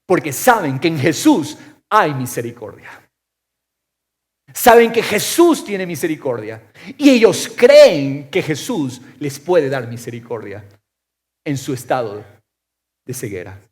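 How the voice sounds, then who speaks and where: A man preaching a sermon as pastor, firing off rhetorical questions and swinging from loud to soft. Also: a little high, big pitch swings, unhurried, pauses often. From Ecuador.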